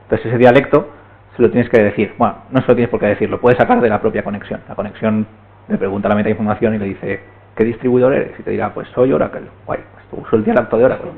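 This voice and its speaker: A man's voice: fairly low pitch, steady tone, fast. A man giving a technical talk at a meetup, explaining step by step and often checking in with the room. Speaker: meetup speaker. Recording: tinny, phone-like recording.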